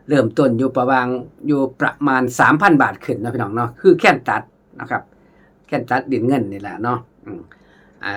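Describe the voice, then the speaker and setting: With a medium-pitched, husky voice, this Isan-accented man teaches the khaen casually. He chats warmly with his audience, calling them brothers and sisters, and occasionally sings tunes in syllables.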